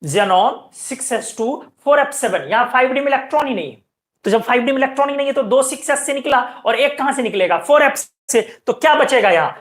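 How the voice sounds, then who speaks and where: A woman with a fairly high voice teaches a chemistry class. She explains each step patiently. She keeps checking whether her students are following and tells them to watch closely. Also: lively intonation, quick pace. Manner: explains step by step, asks students frequent questions; keeps urging students to pay attention. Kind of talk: classroom lecture.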